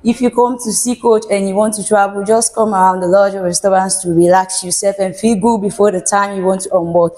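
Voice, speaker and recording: Shy young woman with a mellow voice. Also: medium pitch, fairly even intonation, fairly quick, few pauses. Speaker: cashier. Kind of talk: interview answers.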